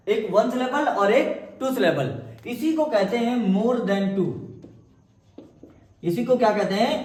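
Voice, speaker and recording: A man teaching grammar in Hindi, asking questions and answering them himself and repeating key words for emphasis. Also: very high voice. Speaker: English teacher. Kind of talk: classroom grammar lesson in Hindi. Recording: echoey room.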